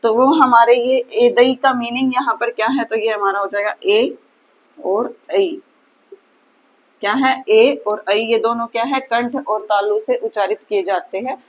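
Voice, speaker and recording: Female teacher, higher pitch, drawn-out demonstrated sounds, muffled lo-fi recording. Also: steady tone. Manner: repeats her own questions and answers them. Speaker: Sanskrit grammar teacher. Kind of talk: exam-prep lesson.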